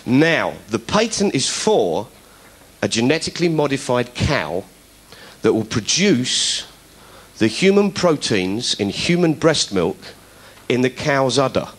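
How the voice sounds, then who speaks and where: Slowing down, the middle-aged comedian host tells a story with medium pitch to a studio audience, still animated and mimicking the voices of the people he quotes.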